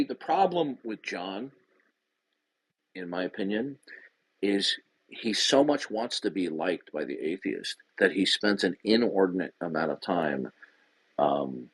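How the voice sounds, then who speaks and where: A man's voice: low voice, measured pace, pauses often, husky, low-quality recording. A man hosting an online debate room, arguing in a confrontational, insistent way and repeating his demands. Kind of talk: argumentative live debate.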